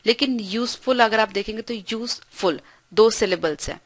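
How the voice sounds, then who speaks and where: A woman's voice: on the high side, dry recording. Woman explaining grammar in a close, dry recording. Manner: explains patiently, reads example sentences slowly; frequent checking "ठीक है". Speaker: English grammar teacher.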